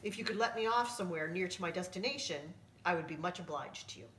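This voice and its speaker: A woman's voice: fairly low pitch, animated, quick pace, a bit bright, slight background noise. A woman voicing a polite, slightly flustered father who is out fetching milk. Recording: roomy, distant mic.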